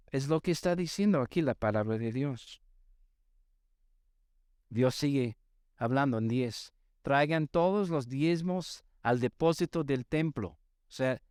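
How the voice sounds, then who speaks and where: A man's voice: mid-range voice, a little mellow, smooth, dry recording, clean studio sound. A male pastor preaching a sermon to a live congregation, emphatic and repeatedly asking the audience to respond. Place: church service with live congregation.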